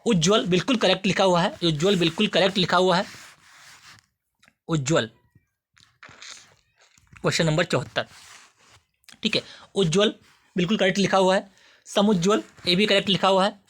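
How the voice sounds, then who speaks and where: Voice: medium pitch, normal speed, pauses often, a bit bright, breathy edge. A teacher giving an exam-prep spelling lesson who addresses students directly and repeats each word several times while explaining.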